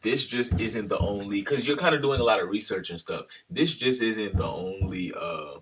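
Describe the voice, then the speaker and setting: A man's voice: fairly low pitch, moderate pace, recorded from a distance, noisy background. A man talking casually to the camera in a loose, slangy monologue that drifts off on tangents. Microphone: camera held at a distance.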